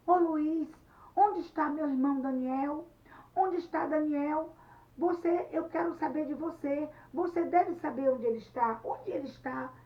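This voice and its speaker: Woman doing a frantic high-pitched girl. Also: takes it slowly. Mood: shouting. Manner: urgent, pleading, then shouting demands. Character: frantic young girl searching for her brother. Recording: dull lo-fi sound, slightly distant, faint noise.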